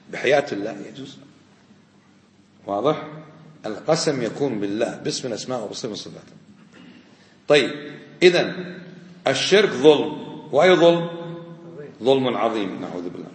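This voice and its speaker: A man leads a religious class, firing questions at his students and repeating them until someone answers. His voice sits at an ordinary middle pitch. It rings through a large echoey hall with a long reverb tail. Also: slight background noise. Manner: quizzing, repeats questions, drops to low asides. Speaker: religious teacher.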